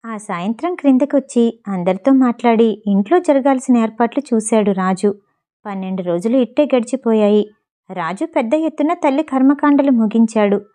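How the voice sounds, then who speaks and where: A woman narrating a Telugu family story in a steady, expressive reading style. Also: fairly high pitch, normal speed. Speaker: audiobook narrator.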